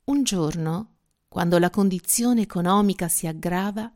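A woman hosting a literary segment, introducing and summarizing a novel in clear, even scripted narration. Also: lowish voice, moderate pace. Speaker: host of a book segment. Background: faint music.

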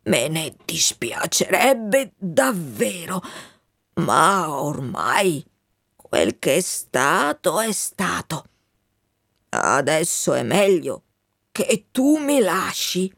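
A woman voicing a dying, proud old male army colonel, speaking slowly and wearily, sometimes sinking to a whisper. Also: big pitch swings, vocal fry, fairly bright tone, slightly rough, no echo, clean studio sound, exaggerated voice. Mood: resigned. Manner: slow, low and weary, sinking to a whisper.

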